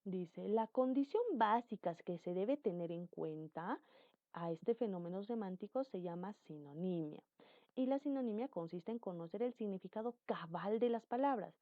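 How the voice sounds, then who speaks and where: A woman teaching a class in an animated way, her voice springing higher and louder to stress points and act out examples. The sound is narrow and tinny like a phone line, and the room is dry, with no echo. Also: normal speed. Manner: animated, jumps up in pitch and volume for emphasis, acts out examples. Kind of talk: explaining a grammar lesson.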